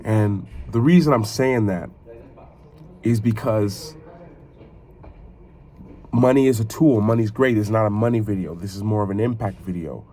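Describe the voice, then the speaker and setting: A man speaking to his viewers in a motivational vlog style, earnest and reflective, often halting and repeating phrases as he builds to rhetorical questions. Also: fairly low pitch, dark tone, slight background noise. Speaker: video creator and podcaster. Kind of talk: motivational talk addressed to viewers.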